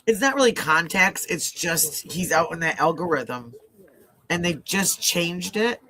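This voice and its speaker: A man with a fairly high, animated voice talks at a measured pace, his tone pushed and bright. His Midwestern accent blends Ohio with some Southern, and he rambles through casual chat on a live true-crime stream, full of fillers, restarts and easy laughter.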